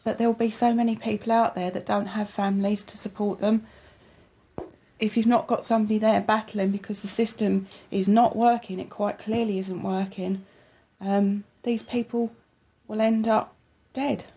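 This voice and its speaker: A woman's voice: medium pitch, flat delivery, moderate pace, warm tone, husky, low-quality recording. A woman in a documentary interview speaking earnestly as a family member about care.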